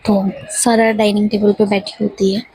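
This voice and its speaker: Woman, storyteller, casual retelling, very breathy and husky, flat even pitch, dry close sound. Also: moderate pace, no room sound, rough recording. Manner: chatty, with many fillers and self-corrections of names.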